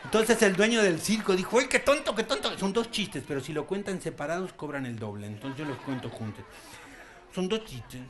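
A man's voice: fairly high pitch, expressive, normal speed, crowd noise, noisy background. A man telling jokes to an audience in a playful, comic storytelling way. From Argentina. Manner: playful joke-telling with sound effects. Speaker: children's entertainer and singer. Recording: echoey stage with loud music.

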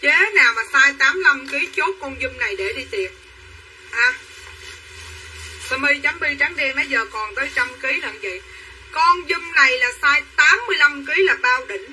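With lively intonation and a high, bright, pushed voice, a woman sells clothes on a livestream at a moderate pace. Her chatter is a repetitive hard sell, and she names her buyers. The recording is rough and distant, with faint room noise.

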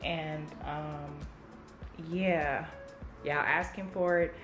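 A woman's voice: deep voice, fairly even intonation, extremely slow, fairly bright tone, reverberant, faint music behind. A woman in her thirties chatting casually to viewers as she cooks in her home kitchen, recorded close on a camera mic. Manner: chatty and informal, talks straight to viewers. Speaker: cooking vlogger. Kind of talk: casual cook-with-me chat. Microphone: camera mic close up, handheld or on counter.

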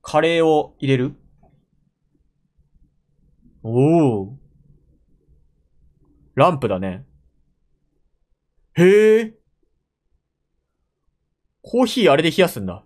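Young japanese guy reacting to a show at home, mumbles to himself, lots of oohs, voice jumps around, a bit high. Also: big pitch swings, slow pace, pauses often, darkish tone. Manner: muttering to himself with frequent exclamations. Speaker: anime reaction streamer. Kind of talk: live reaction commentary. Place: room at home, seated in a gaming chair.

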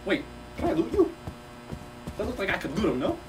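Jumpy, high-pitched young man gaming. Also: brisk. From Mexico. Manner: excitable, swearing, yelps when scared, slangy trash talk. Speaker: gaming streamer. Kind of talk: VR horror gameplay commentary. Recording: distant-sounding mic with noticeable background noise and hum.

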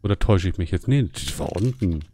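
A man's voice: low-pitched, animated, a little fast, mellow, a little hiss or hum. A man casually commenting on a horror game during a live stream, joking and chatting with his viewers.

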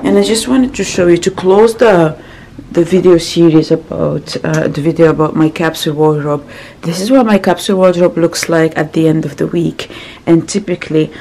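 A woman in her thirties, croaky and gravelly from little sleep, vlogs casually to a handheld camera held at arm's length in her small apartment bedroom. Her voice is deep and warm, and she rambles with many fillers.

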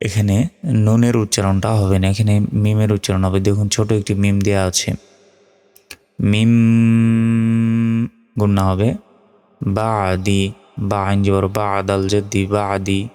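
A man with a Bangladeshi accent, teaching Quran reading by spelling out letters and then chanting each verse slowly. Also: fairly low pitch, level tone, darkish tone, clean tone, big-room sound, soft background music. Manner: slow and deliberate, chanting verses.

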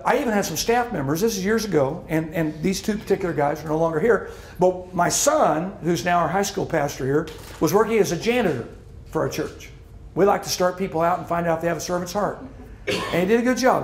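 A man's voice: sits high, echoey room, slight background noise. A middle-aged man preaching a sermon as pastor, emphatic and repeating his key lines. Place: church hall.

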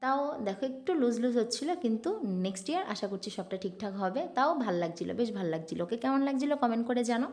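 A woman's voice: on the high side, expressive, fast talker, few pauses, a little mellow. A woman, chatting casually to her viewers in a daily vlog and often calling on them to look. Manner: chatty, keeps addressing viewers directly. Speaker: vlogger. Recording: background music under voice.

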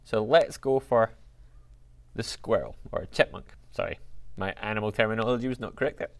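A man teaching a music technology lesson, explaining software steps in an upbeat, chatty way. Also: fairly low pitch, moderate pace, creaky.

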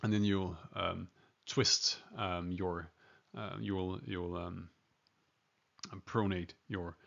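A man with a gravelly, fairly low voice gives a casual medical teaching talk, stopping and restarting often with plenty of ums. The recording sounds dull and lo-fi. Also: steady tone, very slow, a bit bright. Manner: hesitant, many fillers and restarts, chuckles at himself. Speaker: emergency medicine lecturer. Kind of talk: informal medical lecture.

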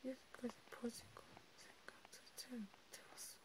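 Whispering up close to the microphone, a female ASMR performer carries on a casual roleplay conversation in a breathy, hesitant, brisk manner. Her voice sits on the high side, and the poor audio carries a constant background hiss and noise.

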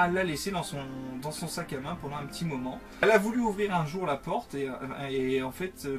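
Chatty Frenchman, slightly high voice, music behind. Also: a bit bright. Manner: chatty, teasing storyteller. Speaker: co-host of a video game collecting vlog. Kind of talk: casual chat to camera. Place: small game-collection room indoors.

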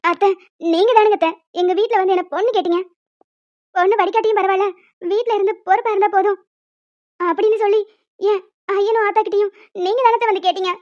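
Woman doing a sad sweet cartoon wife, squeaky high and fast, pleads and apologizes, kinda lo-fi. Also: fairly even intonation, darkish tone. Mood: pleading. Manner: pleading, sorrowful, deferential. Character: gentle tearful young wife, Anitha.

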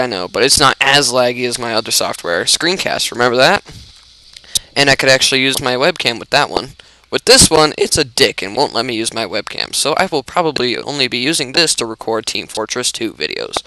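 A young man giving casual, rambling, excitable commentary while he plays a video game, laughing often. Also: mid-range voice, brisk, no room sound. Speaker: gaming YouTuber.

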